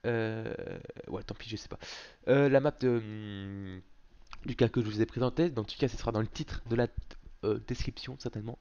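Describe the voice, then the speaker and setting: Male gaming host, casual commentary, excitable and foul-mouthed, muffled home mic. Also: fairly low pitch. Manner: excitable, swears often.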